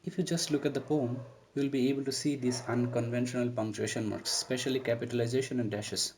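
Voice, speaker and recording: A man's voice: medium pitch, fairly even intonation, quick pace, darkish tone, slight background noise. A man giving a recorded literature lesson on a poem, explaining terms step by step in a methodical way. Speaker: literature lecturer. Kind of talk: recorded poetry lecture.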